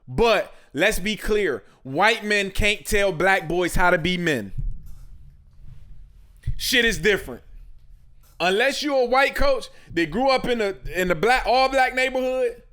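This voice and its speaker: A man's voice: sits high, animated, a little slow, bright, forceful tone. A man hosting a podcast, giving blunt, emphatic commentary full of street slang. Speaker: podcast host. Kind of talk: casual commentary.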